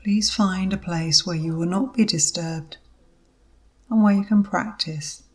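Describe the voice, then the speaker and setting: In a lowish, husky voice, a woman instructor leads a guided yoga nidra meditation. She gives measured instructions in short phrases, pausing between each.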